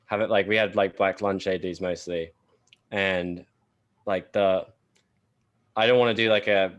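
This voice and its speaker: Man from England, low voice, rambling, filler-heavy, swears casually, podcast co-host. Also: steady tone, measured pace, muffled recording. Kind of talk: casual chat.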